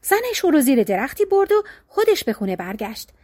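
Expressive high woman telling a folk tale. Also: dry recording, studio quality. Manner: expressive, storybook cadence. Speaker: storyteller.

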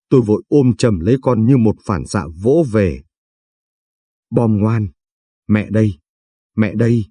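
A man reading a dramatic first-person story in a steady, earnest narration. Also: on the low side, slightly rough, no room sound, studio quality.

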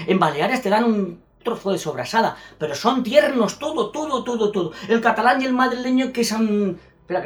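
A man delivering a rambling, self-mocking comic monologue. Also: sits high. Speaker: comedy section presenter.

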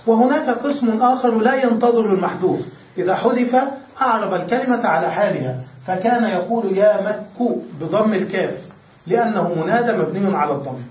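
High-voiced man teaching grammar, distant. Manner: asks students questions and repeats examples slowly. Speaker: sheikh teaching Arabic grammar. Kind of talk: classroom grammar lesson. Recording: roomy, distant, dull lo-fi recording.

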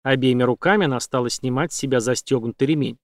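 A man narrating an audiobook in a steady, dramatic reading. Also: mid-range voice, fast, dry recording, studio quality. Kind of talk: scripted narration.

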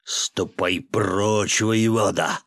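A man voicing a hoarse, sickly old archimandrite who refuses grimly and slowly in an audiobook. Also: lowish voice, steady tone, fairly bright tone, no echo, studio quality, exaggerated voice. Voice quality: hoarse, wheezing. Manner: slow, grim refusals. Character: sick, hoarse old male archimandrite, stubborn and grim.

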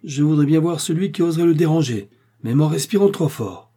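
A man voicing a stout, excitable innkeeper's wife who talks loudly and emphatically. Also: on the low side, normal speed, slightly rough. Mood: fierce. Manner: loud, emphatic, exclaiming.

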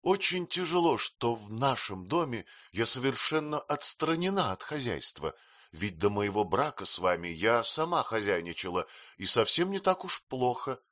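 A man voicing a young, timid wife who pleads in a high, plaintive voice, close to tears. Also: big pitch swings, normal speed, bright, forceful tone, no room sound. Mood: pleading.

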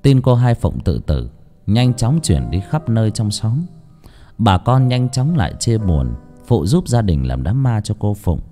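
Male audiobook narrator, low and warm, very expressive, faint music behind. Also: unhurried. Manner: expressive storytelling.

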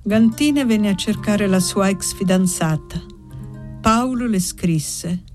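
A woman narrating a literary audiobook in a measured, unhurried way, with long pauses. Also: medium pitch, a little mellow, soft background music. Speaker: audiobook reader.

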